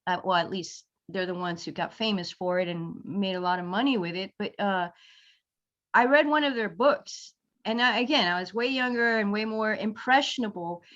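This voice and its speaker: A woman appears as a guest in a casual conversation, speaking at normal speed in a medium-pitched voice. She rambles, laughs and acts out quotes with energy, and the lo-fi recording sounds slightly dull.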